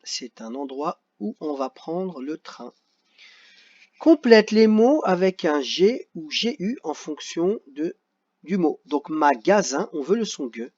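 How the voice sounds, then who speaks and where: A male teacher works through a children's worksheet in a slow, lively voice that rises and falls a great deal. He sounds out each syllable with patience. The audio is dull and lo-fi. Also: fairly high pitch.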